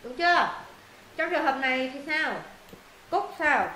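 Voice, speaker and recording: A woman teaching an English lesson to her students, walking them through answers and firing quick questions to check they follow. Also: high voice, lively intonation, bright, forceful tone. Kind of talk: classroom lesson explaining answers. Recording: roomy echo, faint noise.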